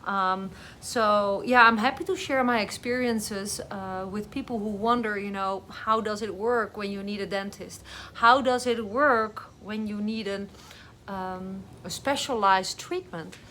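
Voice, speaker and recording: Woman vlogger, live stream from home, rambling and filler-heavy, slightly groggy, mid-pitched voice. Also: unhurried, bright, forceful tone, a little hiss or hum. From Netherlands. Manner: chatty, rambling, with many fillers. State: groggy on painkillers after dental work. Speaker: vlogger and online business coach. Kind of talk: casual live-stream talk. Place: home, with dogs nearby.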